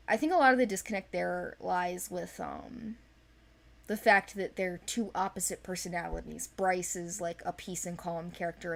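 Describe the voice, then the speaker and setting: A young woman gives a casual, unscripted overview of characters from an animated series, chatting informally with a playful, self-deprecating manner. Her voice is on the low side and gravelly.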